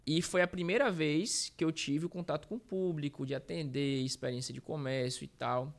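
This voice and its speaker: A street reporter in his thirties from Bahia, Brazil, is the guest in a relaxed interview, telling his life story in a rambling way with self-corrections and slang fillers. He speaks at normal speed in a voice on the high side, with fairly even intonation.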